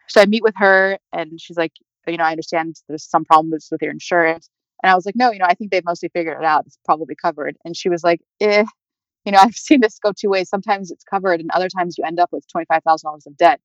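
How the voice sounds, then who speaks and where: A young woman telling her own story in a halting, conversational way, with nervous laughs and a voice that rises toward tears. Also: fairly low pitch, fairly even intonation, no room sound. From California. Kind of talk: personal storytelling. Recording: dry, slightly muffled audio.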